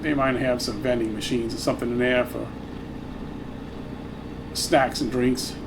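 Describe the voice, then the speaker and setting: A man giving casual flight simulator commentary, thinking aloud in a relaxed way. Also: mid-range voice, unhurried. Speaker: flight simulator player narrating own flight. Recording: loud propeller engine drone over voice. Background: simulated small plane engine noise.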